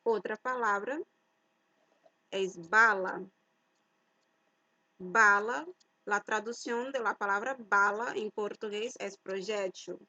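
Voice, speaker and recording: A woman teaching a language lesson to Spanish speakers, explaining each word slowly and deliberately, mixing Spanish words into her Portuguese and stressing the key words loudly. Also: medium pitch, steady tone, dry recording, lo-fi sound.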